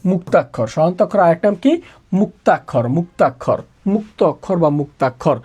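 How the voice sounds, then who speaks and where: A man teaching a live online exam-prep class who repeats each question and answer again and again, pushing students to answer quickly. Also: sits high, lively intonation, a little mellow, breathy edge. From Bangladesh. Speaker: admission exam tutor.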